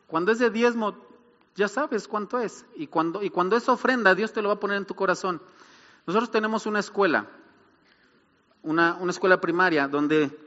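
A man's voice: sits high, sharp tone, in a large hall, dull audio. A middle-aged man, preaching a sermon as pastor, building emphasis and asking rhetorical questions.

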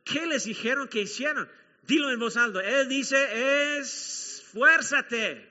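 A man's voice: very high voice, unhurried, bright, forceful tone. A man preaching a sermon to a congregation as pastor, emphatic, repeating key phrases and putting questions to the room. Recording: dull recording with long hall reverb.

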